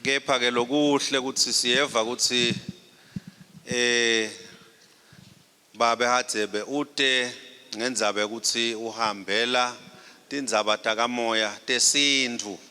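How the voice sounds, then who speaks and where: A man giving a formal ceremonial welcome speech with halting, deliberate phrasing. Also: medium pitch, steady tone, bright, forceful tone, smooth. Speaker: royal delegate giving a welcome address. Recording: echoing hall, faint noise.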